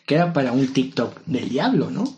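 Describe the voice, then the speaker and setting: A man's voice: medium pitch, expressive, a little fast, a little mellow, highs cut off. A young man, telling stories animatedly and laughing often in a casual chat. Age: 20s.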